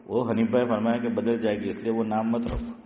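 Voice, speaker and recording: A man, serving as imam, gives a relaxed talk that keeps turning to his listeners with questions and light jokes. His voice comes through a thin, phone-like channel. It carries a long, roomy echo from the mosque hall around him. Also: lowish voice, a little hiss or hum. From Gujarat. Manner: conversational, joking, asks the audience questions.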